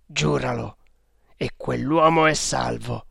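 A man's voice: mid-range voice, slow, gravelly, a bit bright, exaggerated voice. A man voicing a cruel, fanatical male temple priest in an audiobook, speaking sternly and without mercy. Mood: implacable. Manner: stern, implacable, menacing. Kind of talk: audiobook character reading.

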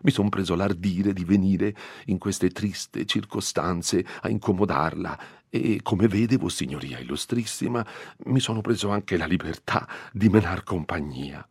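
A man voicing a fearful, irritable old village priest who scolds in a hushed, anxious voice, raising his pitch well above his own. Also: a little slow, few pauses, slightly rough, dry recording, studio quality, heavily acted. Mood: obsequious.

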